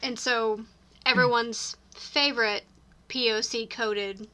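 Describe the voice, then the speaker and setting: A woman's voice: fairly high pitch, fairly even intonation, slow, pushed and bright. A woman co-hosting a casual gaming podcast, chatty and eager. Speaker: podcast co-host.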